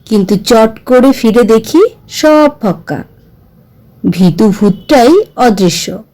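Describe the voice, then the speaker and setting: A woman reading a Bengali ghost story aloud in a slow, deliberate storytelling manner. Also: a little high, animated, dark tone, rough recording.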